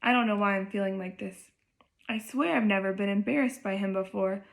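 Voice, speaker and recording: A woman's voice: mid-range voice, brisk, vocal fry, natural voice. A woman voicing a tearful, ashamed teenage girl while reading a novel aloud. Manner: defensive, then crying.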